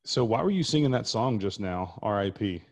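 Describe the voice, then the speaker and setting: Low-pitched American man, casual podcast banter. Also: lively intonation, brisk. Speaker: podcast co-host.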